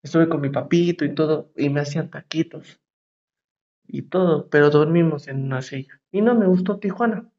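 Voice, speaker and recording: A man's voice: fairly high pitch, normal speed, darkish tone, lo-fi sound, lightly acted. A man quoting a cheerful, candid seven-year-old girl in a lightly raised voice. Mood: matter-of-fact.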